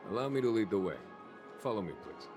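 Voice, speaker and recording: A man plays a composed general from an anime game. The voice is low, courteous and authoritative, with formal, measured phrasing over clear background music. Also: lively intonation, lightly acted.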